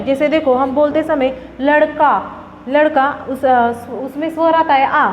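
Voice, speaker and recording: A woman's voice: high voice, slight background noise. A woman teacher explaining grammar to students, asking questions and answering them herself, with many fillers. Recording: dull lo-fi sound with long reverb.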